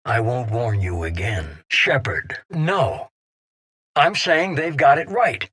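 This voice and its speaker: An actor playing a shadowy middle-aged leader in a video game, cold, calculating and commanding, speaking in a measured, deliberate way. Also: male voice, medium pitch, lively intonation, a bit bright, dry recording, clean studio sound. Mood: firm, controlled. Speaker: head of a secret organisation. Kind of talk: dramatic video game voice acting.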